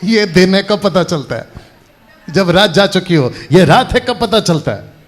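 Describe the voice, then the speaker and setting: Animated preacher man, lively pitch. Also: unhurried. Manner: animated, asks the crowd questions and repeats phrases for emphasis. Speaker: pastor. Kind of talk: lively sermon to a live congregation. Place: church hall with audience.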